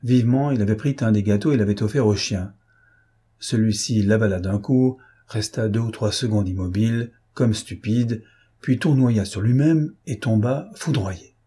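A man reading a novel aloud in steady, measured narration. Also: on the low side, breathy edge. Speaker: audiobook narrator. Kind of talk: scripted narration.

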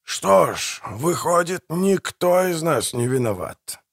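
A man doing a crude bearded brigand, pitched up. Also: animated, slow pace, vocal fry, exaggerated voice. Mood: gruff. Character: gruff bearded grave-robbing brother, lazy and crude.

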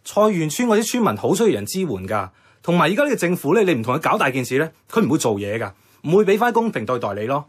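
For a radio drama, a man plays an idealistic, stubborn young activist with a Hong Kong Cantonese accent, earnest, insistent and persuasive. His voice is a little high and slightly rough, very animated and fast.

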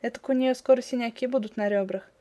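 A woman's voice: a little high, fast talker, warm tone, lightly acted. A woman voicing a playful, coquettish young woman who teases her friend. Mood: teasing. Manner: teasing, playful.

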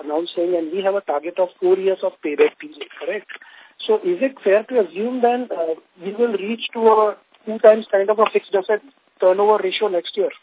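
A high-pitched man questions management over a conference call. His questions are probing, and he rephrases and repeats them. The line is thin and phone-like and keeps breaking up, with a faint hiss behind him. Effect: conference call phone line, audio breaking up. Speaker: analyst asking questions on an earnings call.

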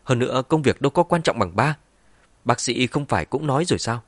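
A man's voice: mid-range voice, expressive, fairly quick, no room sound, close to an everyday voice. A man voicing an earnest devoted daughter. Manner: earnest, pleading. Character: young woman, devoted and determined daughter. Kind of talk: audiobook character voice.

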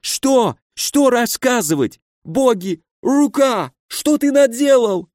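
A man voicing a terrified, cowardly nobleman who shouts in panic. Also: very high-pitched, lively intonation, takes it slowly, no room sound, clean studio sound, voice pushed up, exaggerated voice. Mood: panicked.

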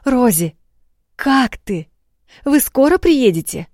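A shy, flustered young bride with a breathless, pleading way of speaking, as a woman narrator puts her on. Her voice rides noticeably higher and brighter than the narrator's own, and it is recorded close and dry. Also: sing-song, slow pace, no echo, exaggerated voice. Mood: eager.

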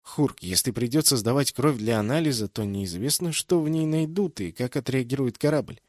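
A man's voice: medium pitch, expressive, normal speed, no room sound, studio quality. A man reading scripted first-person fiction as an audiobook narrator.

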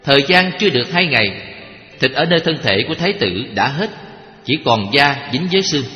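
A man reciting a Buddhist scripture story in a measured, solemn storytelling manner. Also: medium pitch, sing-song, dull audio. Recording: echoey hall with faint music.

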